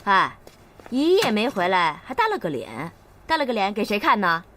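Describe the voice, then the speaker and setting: An actress playing a sharp-tongued middle-aged mother who nags and scolds her family, in a TV drama. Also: medium pitch, sing-song, moderate pace. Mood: scolding. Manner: nagging, scolding, sarcastic. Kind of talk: TV drama acting.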